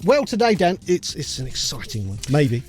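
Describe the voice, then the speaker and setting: A man, co-hosting a casual chat about music production and gear, chatty and quick to laugh. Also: fairly high pitch, sing-song. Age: 50s. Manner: chatty, laughs often, loses names mid-sentence. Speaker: co-host of a music production show.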